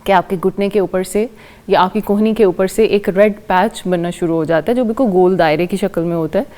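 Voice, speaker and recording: A woman's voice: mid-range voice, fairly even intonation, mellow. A woman with a Pakistani accent, a dermatologist guest on a TV show, explaining patiently with simple everyday comparisons. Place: TV studio.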